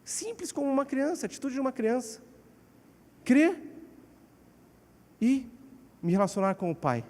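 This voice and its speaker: A man with a Brazilian Portuguese accent preaching a sermon in a church, animated and acting out quotes. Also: measured pace. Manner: animated, acts out quotes with shifting pitch. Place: church hall. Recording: church hall with long reverb.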